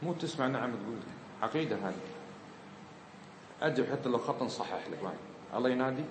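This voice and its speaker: A man's voice: mid-range voice, expressive, fast, noisy background. A man teaching a grammar lesson, questioning his students and mixing dialect into his explanations. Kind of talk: classroom lesson. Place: lecture room with students. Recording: roomy echo.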